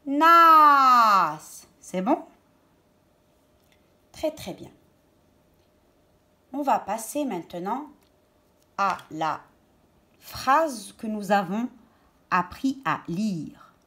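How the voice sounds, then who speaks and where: A woman teaching a reading lesson to young children, stressing and repeating each word slowly and deliberately. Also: medium pitch, animated, a bit bright.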